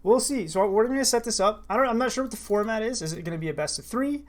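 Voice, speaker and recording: A man's voice: high-pitched, expressive, racing. A man hosting a casual live-stream show, loose and joking, swearing freely.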